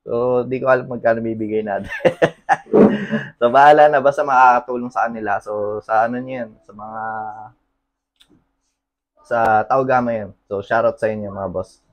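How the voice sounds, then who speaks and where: A man's voice: medium pitch, fairly even intonation, normal speed, dull audio. A man from the Philippines chats casually to his viewers from his computer shop. He is easygoing and laughs often. He sounds a bit out of breath. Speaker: computer shop owner and vlogger. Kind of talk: casual vlog chat.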